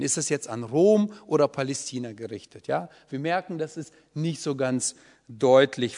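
A man teaching a Bible study to a group, explaining patiently and often checking in with a questioning "ja?". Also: on the high side. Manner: explanatory, often asks the audience "ja?". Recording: long hall reverb.

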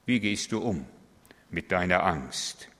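A man's voice: sits low, lively intonation, takes it slowly, a bit bright. A man preaching a sermon, emphatic and building on key phrases, asking his listeners direct questions. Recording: long hall reverb.

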